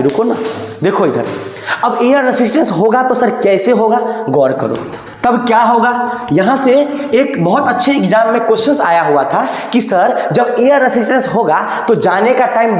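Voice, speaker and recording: A man teaching a physics lecture, coaxing his students and asking and answering his own questions. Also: sits high. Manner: calls students "babu" and "sir". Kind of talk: classroom lecture at a board. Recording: echoey room with long reverb.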